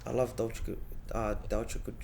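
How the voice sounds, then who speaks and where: A man's voice: mid-range voice, level tone, fairly quick, gravelly, a little mellow. A man with a broad New Zealand accent chatting casually as an interview guest, in laid-back blokey slang with repeated phrases. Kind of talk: casual chat.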